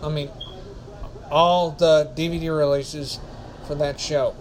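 A man's voice: fairly high pitch, little pitch movement, slow, a little hiss or hum, rough recording. A man hosting a casual solo podcast, rambling and often correcting himself. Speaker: podcast host.

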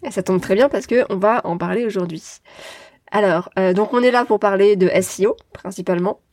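A woman hosting a podcast interview, friendly and quick to laugh. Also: mid-range voice, a little mellow. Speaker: podcast host.

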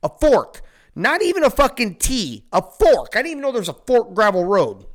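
A man telling a wild story in casual podcast chat, animated and profane, laughing often and shouting when he acts out the scene. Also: extremely high pitch, normal speed. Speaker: storyteller guest.

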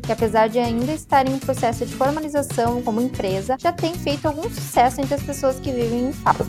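A woman hosting a podcast, reading an upbeat scripted introduction to the episode. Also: high-pitched. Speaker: podcast host. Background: music.

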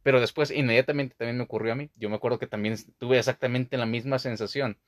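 A man's voice: medium pitch, fairly even intonation, fast talker, no room sound, clean studio sound. A young man hosting a podcast, talking through a childhood memory in a rambling, casual way with many fillers. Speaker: podcast host.

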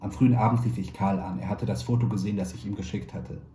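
A man, a stage actor, reading a literary short story aloud in a measured, quietly wry way. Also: on the low side, steady tone. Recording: roomy echo, faint background noise.

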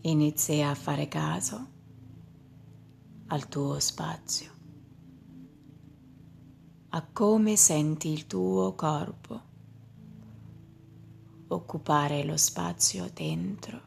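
A woman guides a meditation at an unhurried crawl, her voice low-pitched and heavy with vocal fry. She speaks softly and often slips into a whisper, over a faint hiss behind her. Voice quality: slow, soft, drifting into whispers.

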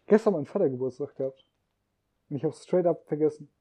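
Slangy young man, dark mumbly voice. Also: fairly high pitch, brisk, slightly rough. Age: young adult. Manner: rambling, slangy, drops to a mumble. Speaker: podcast co-host. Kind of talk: casual chat. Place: room in a friend's home.

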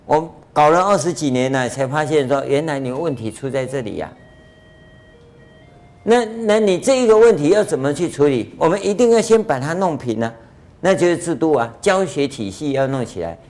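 An older man gives a Buddhist dharma lecture in a conversational way, full of rhetorical questions and drawn-out filler sounds. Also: on the high side, expressive, a little mellow. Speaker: Buddhist master giving a lecture.

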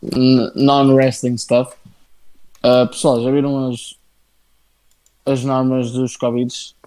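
A man with a European Portuguese accent co-hosting a casual live wrestling chat in a halting, slangy, familiar way. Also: mid-range voice, little pitch movement, darkish tone, poor audio. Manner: halting, slangy, addresses listeners and co-host familiarly. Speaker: wrestling show co-host.

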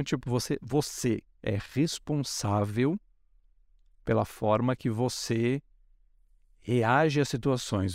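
A young man with a Brazilian Portuguese accent talks through a casual solo podcast in a mid-range voice. He is chatty and loose, and slips into playful voices for quick bits of dialogue. The sound is dry and close, with no room around it. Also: mid-range voice, darkish tone, no room sound. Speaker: podcast host.

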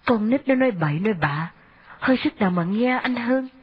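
A woman's voice: a little high, animated, a little fast, breathy edge. A woman voicing an anxious, pleading young woman with a Southern Vietnamese accent. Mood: distressed. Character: young woman, gentle but upset. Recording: dull lo-fi recording.

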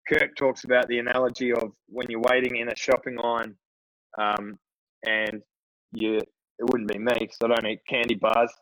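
A man's voice: mid-range voice, a bit bright, no room sound, rough recording. Man, business coach, casual talk, dry close sound. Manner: casual, conversational, many fillers. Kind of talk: instructional talk to tradespeople.

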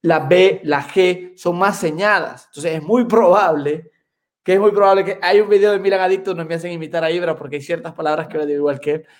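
A man co-hosting a podcast in casual chat, excitable and often repeating words as he searches for them. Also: high-pitched, a little fast. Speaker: podcast co-host.

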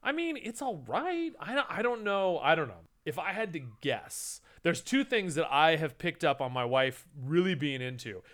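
A man's voice: fairly high pitch, lively intonation, moderate pace, few pauses, fairly bright tone. A man co-hosting a podcast in casual chat, rambling along with many fillers and restarts. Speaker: podcast co-host.

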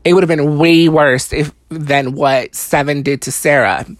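A person giving a casual, gossipy recap of a reality show, talking fast and loose with lots of "like" and swearing. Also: mid-range voice, fairly even intonation, dry recording. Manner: chatty, profane, many "like" fillers.

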